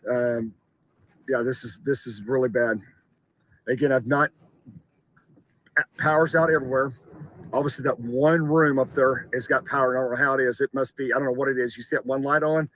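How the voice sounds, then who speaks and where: A man gives a live, unscripted storm chaser's report. His pitch barely moves, and he speaks haltingly, doubling back on words. Faint ambient noise sits behind him. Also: fairly even intonation, fairly bright tone, poor audio. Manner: halting, repetitive delivery.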